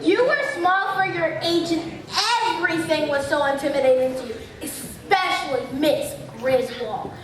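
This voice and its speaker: A young woman narrating a school stage play in an expressive, wry storytelling manner. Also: extremely high pitch, normal speed, few pauses, a crowd in the background. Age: young adult. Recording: echoey auditorium from far off.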